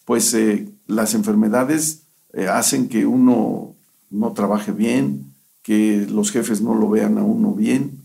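A man's voice: on the low side, fairly even intonation, slow, gravelly, warm tone. A middle-aged man giving an earnest personal testimony in a radio interview, often acting out what he said back then. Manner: earnest storytelling, often re-enacting his own past words.

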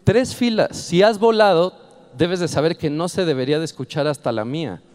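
A man's voice: a little high, lively intonation, a little fast, a little mellow. A man preaching a sermon. He tells a personal story and builds to fervent exhortation.

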